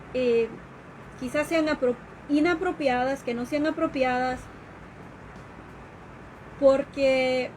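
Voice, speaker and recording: High-pitched lady educator talking slow on a livestream, lots of "eh" and restarts, bit of faint noise behind. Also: a little mellow, rough recording. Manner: explanatory, with fillers and restarts, acts out quoted questions. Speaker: educator giving a talk. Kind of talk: live-streamed informal lecture.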